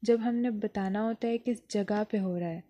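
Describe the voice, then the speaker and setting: A woman's voice: mid-range voice, fairly even intonation, moderate pace, mellow. A woman teaching an English lesson, explaining patiently and sounding out words syllable by syllable.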